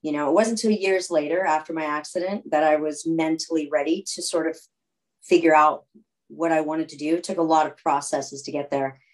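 Woman, thirties, low voice, relaxed and rambling, video call from home. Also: brisk, low-quality recording. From California, United States. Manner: relaxed, rambling, with fillers and restarts. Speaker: guest, athlete. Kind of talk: casual video call interview. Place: home room.

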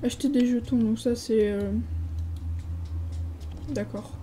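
A woman's voice: a little high, fairly even intonation, takes it slowly, warm tone, soft background music, rough recording. A French woman giving a casual, hesitant commentary while touring a game server, reading signs aloud with lots of filler sounds. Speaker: gaming video creator.

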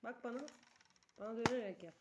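A mother talks quickly and playfully, coaxing and teasing her child at home. Her voice sits a little high, and a steady noise runs under the recording. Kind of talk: casual chat with her young child.

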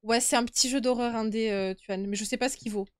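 Young woman, scared horror game streamer, high-pitched, casual chat with viewers, close dry mic. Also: steady tone, quick pace, clean tone, dry recording. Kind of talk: casual live game commentary, chatting with viewers. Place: indoor room at home.

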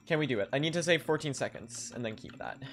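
A young man streaming a speedrun, talking to his chat in an excitable, pleading way. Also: fairly high pitch, fast talker, a little hiss or hum. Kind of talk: live-streamed game commentary.

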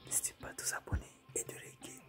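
A man's voice: quick pace, loud music behind the voice. A man whispering his way through gameplay commentary late at night at home, trying not to make noise. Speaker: gaming YouTuber.

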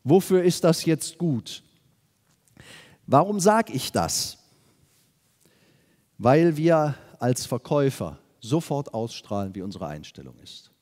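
Lively German seminar speaker in a hall. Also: male voice, medium pitch, takes it slowly, long pauses. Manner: lively storytelling, rhetorical questions. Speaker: sales trainer. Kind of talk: seminar talk to a live audience.

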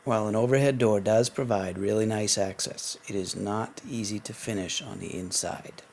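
A man with a lowish voice reads a scripted promotional voice-over. His delivery is even and measured, with a faint hiss of noise under it. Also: creaky. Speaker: narrator.

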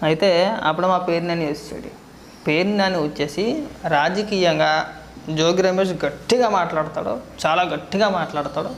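Rapid and high-pitched, a male commentator fires off sarcastic rhetorical questions in a scolding political monologue. The voice rings in an echoey room with a faint hiss behind it.

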